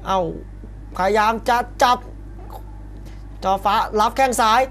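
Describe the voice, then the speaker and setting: Taking it slowly, a man with a high, slightly bright voice gives play-by-play of a Muay Thai match in short, punchy calls with exclamations. The broadcast has arena crowd noise behind it and a faint fight-arena ambience.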